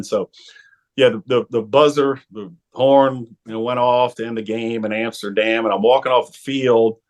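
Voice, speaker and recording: A man in his forties, a former football player, telling his story as a podcast guest, animated, laughing often and restarting his sentences. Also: on the low side. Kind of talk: storytelling interview talk.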